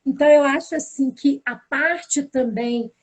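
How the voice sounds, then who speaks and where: A woman, a teacher, tells a school story in a casual, animated way. Her voice sits high, and she slips into the other speakers' lines as she goes. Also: unhurried. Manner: lively storytelling, acting out the dialogue. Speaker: teacher and pedagogical coordinator. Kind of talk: casual spoken anecdote.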